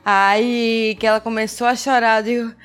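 A woman's voice: fairly high pitch, moderate pace. A young adult woman co-hosting a podcast, telling a family story in casual chat and acting out her own panicked cries. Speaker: podcast co-host.

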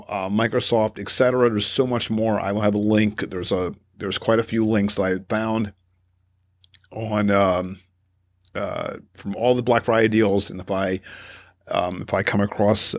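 This podcast host has a lowish, creaky voice captured with no room sound. Casual and rambling, he tells stories peppered with fillers and self-corrections, laughing often throughout.

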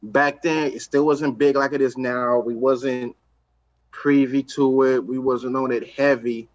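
A man's voice: mid-range voice, steady tone, measured pace, highs cut off. A man from Los Angeles, a record executive talking in a casual podcast chat, emphatic and streetwise, repeating his points.

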